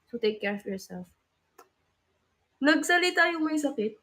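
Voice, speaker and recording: A woman's voice: sits high, lively intonation, unhurried. A teenage woman hosting a live stream, sick with a cough, teasing and giggling as she chats casually with fans. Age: teens. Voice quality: loudness rises and falls. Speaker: livestream host.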